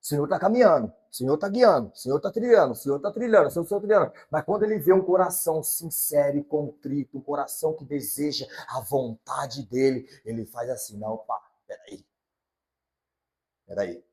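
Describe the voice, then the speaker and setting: A Brazilian Portuguese-accented man preaching as a pastor, his voice pitched somewhat high with a husky edge. He delivers an emphatic sermon, slipping into prayers and acted-out voices. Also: fast talker, hardly any pauses, a little mellow.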